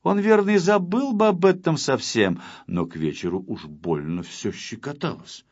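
A man narrating a children's storybook in an expressive, lively way. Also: mid-range voice, normal speed. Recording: dull lo-fi with faint music.

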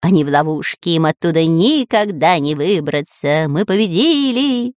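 A woman's voice: low voice, animated, moderate pace, darkish tone, no echo, studio quality, pitched below the performer's own voice. A woman voicing a boastful male parrot who serves a villain in a children's audiobook, gleeful and crowing. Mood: gloating.

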